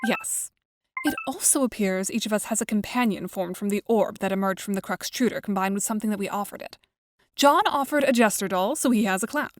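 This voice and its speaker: A woman gives a formal, dry, carefully measured performance as a composed and wry teenage girl who speaks articulately in an audio drama with music underneath. She uses a natural, mid-range voice.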